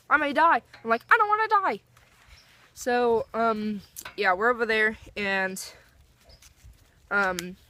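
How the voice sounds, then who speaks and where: Young female vlogger, bright and keyed-up, rambling anecdote with fillers. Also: mid-range voice. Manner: rambling and anxious, lots of fillers and restarts. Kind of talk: casual storytime.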